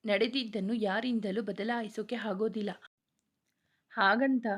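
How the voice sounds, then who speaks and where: A woman reading the lines of a calm, reasoning older father in a storybook tale. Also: medium pitch, lightly acted.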